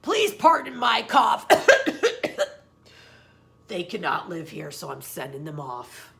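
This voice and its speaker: A woman's voice: on the low side, very animated, takes it slowly, gravelly, fairly bright tone, pitched below the performer's own voice, heavily acted. Woman voicing a grumpy, scolding storybook forest creature. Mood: weary reproach. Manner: indignant, emphatic rhyming scolding. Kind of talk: children's storybook character reading.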